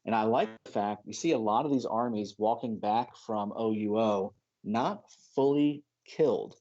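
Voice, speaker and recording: A man's voice: lowish voice, moderate pace, mellow, highs cut off. A man casting an esports match with chatty, analytical commentary. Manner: chatty, analytical, laughs easily. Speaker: esports caster.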